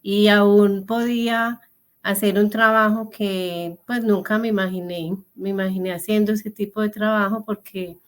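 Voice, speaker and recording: Older woman, Paisa accent, mid-pitched, earnest podcast guest. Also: fairly even intonation, a little slow. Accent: Colombian Paisa (Antioquia). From Colombia. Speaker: interview guest. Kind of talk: podcast interview.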